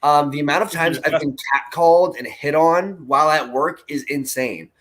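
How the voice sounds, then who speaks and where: A man's voice: on the high side, moderate pace. A man who works at a theme park, chatting on a video call, telling stories with lots of laughing and swearing. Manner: laughing, swearing, animated storyteller. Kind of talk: casual video-call chat.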